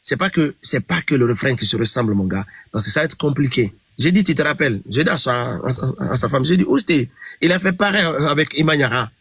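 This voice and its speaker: A man's voice: medium pitch, animated, fairly quick, vocal fry, few pauses, fairly bright tone, slightly rough, no room sound. A man from Guinea, a singer telling an interviewer about a song dispute and replaying each exchange with emphatic repeats. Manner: retells conversations, repeating "j'ai dit", emphatic. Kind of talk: interview storytelling.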